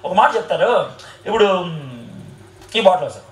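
A man's voice: sits high, lively intonation, normal speed. A man preaching a sermon to a live audience, quizzing the listeners and joking with them as he teaches. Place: hall with an audience. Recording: roomy echoing hall.

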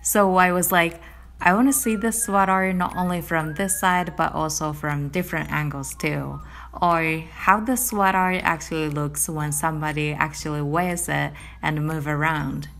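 A young woman from Japan with a Japanese accent, narrating her knitting vlog in a calm, gentle, chatty way; English is not her first language. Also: sits low, normal speed, vocal fry. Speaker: knitting vlogger. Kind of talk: voice-over narration.

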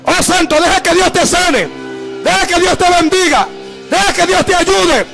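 A man's voice: extremely high pitch, moderate pace, creaky, loud music behind the voice. A male evangelist preaching at a church revival service, fervent and repetitive, calling out to the congregation. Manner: fervent, repetitive calls, bursts of speaking in tongues. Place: church service with music behind.

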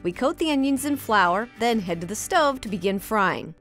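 A woman narrates recipe steps in a smooth scripted voice-over. Her voice is a touch high, with a lively rise and fall. Faint music sits underneath. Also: moderate pace.

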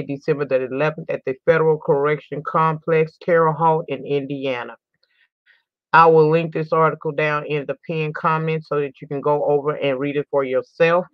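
A woman's voice: low voice, no room sound. A woman hosting a crime news channel, reading an article aloud and adding emphatic, indignant commentary, sometimes stumbling and restarting as she reads. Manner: emphatic and indignant, repeats words for stress. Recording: dry, dull lo-fi recording.

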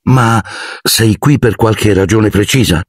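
A polite, awkward boy wizard who keeps his voice hushed and earnest, as a man voices him in an audiobook. The tone is low with a husky rasp. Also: slow pace, no room sound, studio quality. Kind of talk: audiobook character voice.

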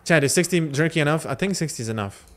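A young Lithuanian-native streamer talks fast and animatedly in a slightly high, somewhat bright voice. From his indoor home setup, he chats loosely into a headset while gaming, rambling in slang and answering viewers between moves.

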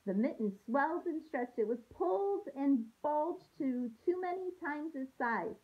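A young woman reads a picture book aloud to children at home in a small indoor room, expressive and asking them simple questions. Her high voice has lively intonation and an unhurried pace, though the audio sounds dull.

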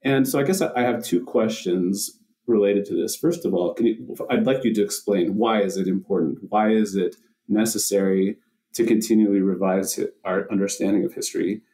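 Host guy, low mellow voice, a bit far from the mic, rambly questions. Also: normal speed. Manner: rambling, hesitant questions with fillers. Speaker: podcast host. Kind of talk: casual interview questions.

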